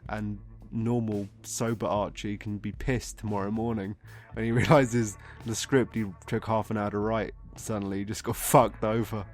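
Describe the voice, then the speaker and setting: A man's voice: on the low side, little pitch movement, normal speed, soft background music. A drunk man giving a casual, comedic film review, rambling off script, exasperated and swearing often. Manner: drunk, getting drunker, rambling and losing his thread.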